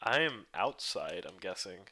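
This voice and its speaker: A man's voice: low voice, very animated, a little slow, sharp tone. A young man playing a tabletop game, casual, swearing often and laughing. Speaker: player.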